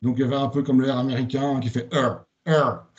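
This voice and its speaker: A man's voice: medium pitch, flat delivery, racing, darkish tone, dull audio. A man giving a spoken lecture presentation, hesitant, with many fillers and restarts.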